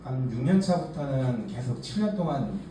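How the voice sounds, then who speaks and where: A man's voice: mid-range voice, lively intonation, moderate pace. Chatty Korean man in an echoey room. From Gangneung, Gangwon Province, South Korea. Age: 40s. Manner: chatty, self-mocking, many fillers. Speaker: case presenter at a workshop. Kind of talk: personal story talk to a group. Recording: echoey room, distant mic, faint hiss.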